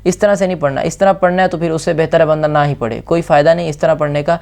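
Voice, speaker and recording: A man with a Pakistani Urdu accent teaching Quran reading, slowly stretching out letter names and then explaining patiently. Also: fairly high pitch, creaky, a little mellow. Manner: patient, instructive, insists on slow careful pronunciation. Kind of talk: slow, drawn-out letter recitation alternating with fast spoken explanation.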